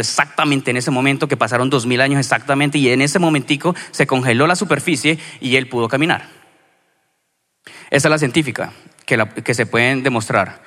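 A Colombian man from Cali preaches at a mid pitch, a pastor who tells his sermon like a story and breaks into lively asides. His voice rings out with a long reverb from the church hall around him. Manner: conversational, storytelling, animated asides.

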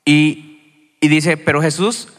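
A pastor with a Colombian accent from Cali gives a sermon in a church hall, telling it conversationally like a story with lively asides. His voice is a little high and slow-paced. The hall makes the recording reverberant.

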